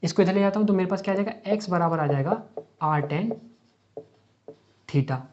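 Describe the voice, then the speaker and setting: Speaking at a normal speed, a man with a high, darkish voice walks through physics problems on a board for exam preparation. He keeps asking rhetorical questions and answering them stepwise, mixing in English math vocabulary. The recording has a dull, lo-fi quality.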